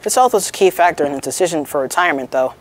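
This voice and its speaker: A teenage female student anchor reading a mock newscast script in an informal, halting way with chatty asides. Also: low voice, expressive.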